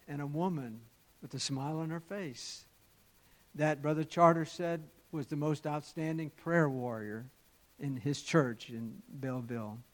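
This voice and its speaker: A man preaching, telling a story in a sermon with swells and drops in loudness and halting repeats. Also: a little high.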